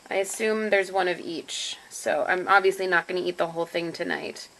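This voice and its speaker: A woman's voice: fairly low pitch, brisk, fairly bright tone, poor audio. A woman chatting casually to camera in a home vlog, self-deprecating and talking while she eats. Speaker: vlogger. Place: home room with computer.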